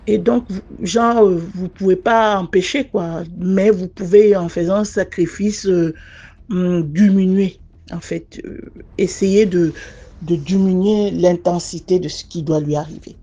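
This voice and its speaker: A woman telling her own story in a casual, earnest way. She often pauses and restarts as she talks. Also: on the low side, steady tone, dark tone, muffled recording. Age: adult mother. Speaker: listener sharing a personal testimony. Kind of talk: casual first-person storytelling.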